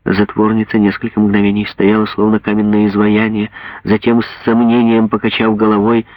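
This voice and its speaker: Male audiobook narrator, gravelly, husky, measured, dull lo-fi dry recording. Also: fairly low pitch, completely flat delivery, no room sound.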